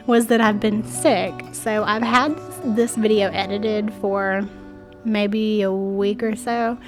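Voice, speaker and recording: Over music, a woman in her thirties delivers a friendly home decor voice-over, chatting to viewers through a voice-over mic. A cold has left her stuffy and congested, and she speaks slowly with a medium pitch and steady tone.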